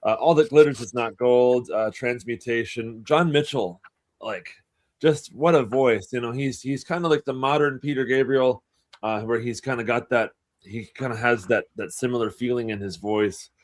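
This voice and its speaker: A man's voice: mid-range voice, moderate pace. A man in his twenties co-hosting a podcast panel, gushing earnestly and restarting his sentences. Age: 20s. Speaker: co-host. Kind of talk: casual panel chat.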